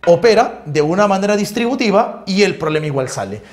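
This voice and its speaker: A man teaching math in a lively, joking, coaxing way. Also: high voice, brisk. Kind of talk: animated math lesson.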